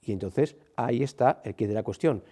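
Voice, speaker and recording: A man's voice: mid-range voice, fairly quick, mellow. A man giving an earnest explanatory talk on linguistics, with frequent "eh" fillers, tag questions, and emphatic rising stresses. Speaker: speaker on linguistics.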